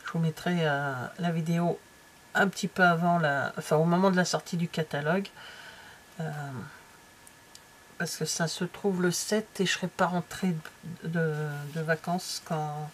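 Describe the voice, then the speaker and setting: A woman's voice: on the low side, slight background noise. Chatty, hesitant French woman. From France. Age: middle-aged. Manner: chatty and hesitant, many fillers and trailing asides, drops to near-whispers. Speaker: craft vlogger flipping through a stamping catalogue. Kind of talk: casual chat.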